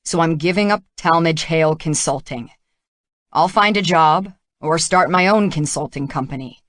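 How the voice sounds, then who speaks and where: A woman voicing an intense, determined man in love, speaking forcefully and insistently. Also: low-pitched, normal speed, dry recording, studio quality. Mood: impassioned.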